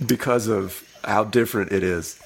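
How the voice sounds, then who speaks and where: Man, low voice, casual podcast co-host, dry, teasing, trivia. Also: normal speed, gravelly, slightly rough. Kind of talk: casual movie-review chat.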